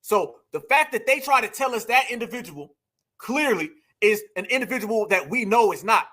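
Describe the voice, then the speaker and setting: A man's voice: high voice, lively intonation, moderate pace, bright, forceful tone. A man delivering emphatic political commentary, preaching to his viewers and calling them family. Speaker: commentary vlogger.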